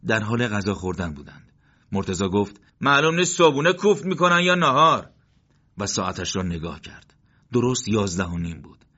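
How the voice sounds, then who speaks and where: A man narrating a war story in a steady, measured reading. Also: low-pitched. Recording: dull lo-fi recording.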